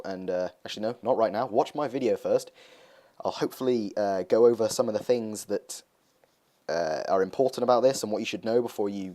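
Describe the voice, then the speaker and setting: A man's voice: fairly low pitch, dark tone. A young man talking casually over gameplay footage, rambling with lots of hesitations as he hosts his gaming video.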